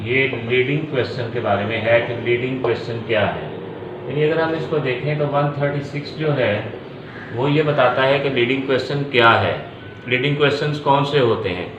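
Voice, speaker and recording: A man with a Pakistani accent gives an explanatory law lecture at medium pitch and normal speed, going over each point step by step and mixing in English terms. The recording sounds muffled, with an echoey room and faint background noise.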